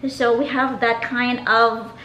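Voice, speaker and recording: Woman vlogger, high voice. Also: little pitch movement, takes it slowly, sharp tone, reverberant, a little hiss or hum, rough recording. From Philippines. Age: 30s. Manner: chatty, reads out viewer questions. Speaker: vlogger host. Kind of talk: casual Q&A chat.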